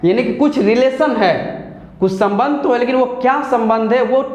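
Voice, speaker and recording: A man's voice: very high-pitched, normal speed, a little mellow, reverberant. A man with a Hindi accent, teaching an English grammar lesson patiently, step by step with repeated examples.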